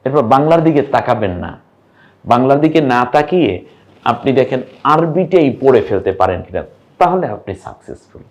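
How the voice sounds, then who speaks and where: A man's voice: mid-range voice, animated, a little fast, a little mellow. A young man teaching an online lesson, patiently sounding out syllables and quizzing his viewers. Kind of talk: online lesson on reading Arabic vowel marks.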